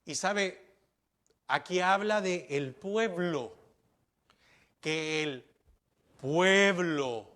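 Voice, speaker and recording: A man's voice: sits high, extremely slow, long pauses, a bit bright. A man pastor preaching a sermon, asking rhetorical questions and repeating key words for emphasis.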